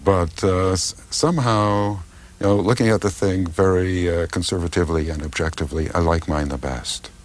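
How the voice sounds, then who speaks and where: Older man, very deep low voice, hesitant and reflective, interview answers. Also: fairly even intonation, moderate pace. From United States. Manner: thoughtful, hesitant, many fillers and restarts. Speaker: political philosopher and translator.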